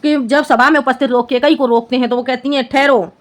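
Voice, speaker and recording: A young woman teaching Hindi in a high, bright voice. She goes through a poem in a patient classroom style, explaining every line. She keeps checking with her students that they have followed. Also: steady tone, quick pace.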